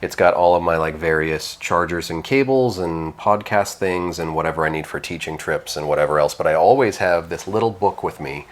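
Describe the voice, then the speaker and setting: Very low-voiced man chatting casually. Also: a little fast, few pauses. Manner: relaxed, rambling with repeated restarts. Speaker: podcast co-host, piercing educator. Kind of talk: casual chat.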